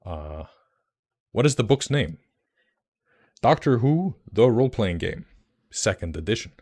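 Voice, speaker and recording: Chatting on a relaxed stream, this young man from Iceland uses English as his second language. His very low voice moves at a measured pace as he wanders warmly through fillers and restarts, growing enthusiastic over what he shows.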